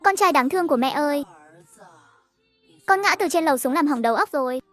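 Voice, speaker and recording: A woman's voice: sits high, lively intonation, a little fast, a bit bright. A woman voicing a scheming middle-aged adoptive mother who scolds and nags, over faint music. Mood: coaxing. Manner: scolding, nagging.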